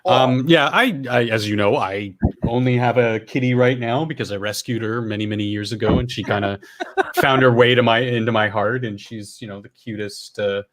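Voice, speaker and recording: A Canadian man co-hosting a casual chat, teasing and joking, with halting restarts. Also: medium pitch, a bit bright. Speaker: co-host.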